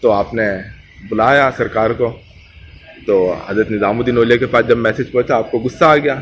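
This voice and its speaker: A man's voice: mid-range voice, fairly even intonation, muffled recording, slight background noise. Man retelling a saint's legend. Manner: acts out quoted dialogue with shifts in loudness. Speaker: storyteller at a Sufi shrine.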